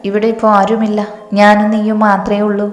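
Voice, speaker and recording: A woman voicing a cruel young man who taunts and threatens a frightened girl, in a flat storybook voice. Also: mid-range voice, brisk, lightly acted. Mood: menacing. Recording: echoey room with soft music.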